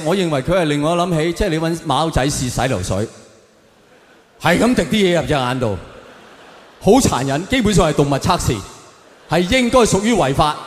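On stage at a live venue, a man with a Hong Kong Cantonese accent performs a stand-up routine, offering mock-serious opinions and firing rhetorical questions straight at the audience. His voice is on the high side, and the hall is echoey with long reverb.

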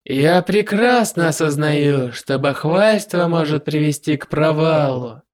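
A man voicing a smug, menacing male demon lord with a dry voice, speaking slowly and in a drawn-out way. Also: on the high side, animated. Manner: slow, drawn-out, self-satisfied delivery.

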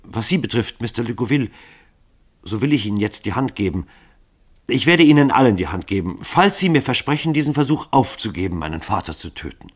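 Guy reading as a firm earnest young woman, lifted a bit from his deep husky voice. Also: animated, brisk.

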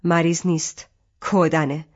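A woman reading an audiobook, voicing a harsh, worn-out mother of a toddler in a scolding, shouting manner. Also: deep voice, level tone, lo-fi sound, voice pushed down. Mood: angry.

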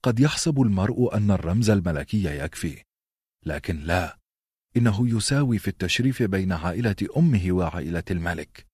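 A sardonic teenage boy, voiced by a man, makes dry, teasing remarks in a low voice. The reading sounds close and dry. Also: lively intonation, a little fast, darkish tone, husky, no echo. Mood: wry. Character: dry, wry teenage bastard brother.

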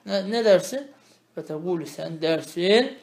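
Man, high-pitched voice, teacher explaining a text line by line, quizzing the student, echoey room. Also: animated, creaky, a little mellow. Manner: reads Arabic phrases slowly, then explains them, often asking the student questions. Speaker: teacher of Arabic grammar. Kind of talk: traditional religious lesson, explaining a text line by line.

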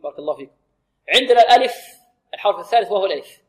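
Male recitation teacher, higher register, quizzing and drilling students, recorded in a reverberant room. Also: animated, rapid-fire. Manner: asks rhetorical questions, drills syllables aloud. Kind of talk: tajweed lesson with call-and-repeat drills.

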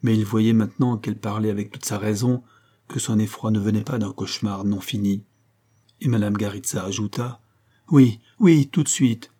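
Man reading a novel in a dark husky voice. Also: on the low side. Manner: steady, measured reading. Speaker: audiobook narrator. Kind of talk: scripted narration of a novel.

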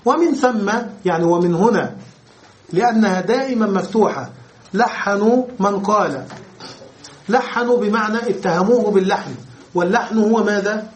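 A man teaching Arabic grammar in a lecture, explaining terms by repeating and rephrasing them and checking that students follow. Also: high voice.

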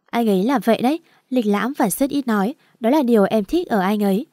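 A woman's voice: on the high side, fairly quick, mellow, no echo, studio quality, natural voice. A woman voicing a sly, scheming young woman who speaks sweetly. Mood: confiding.

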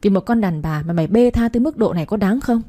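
A woman voicing a stern, hot-tempered older father who scolds and barks orders, with a husky, dark voice. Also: medium pitch, expressive, quick pace, close to an everyday voice. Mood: scolding.

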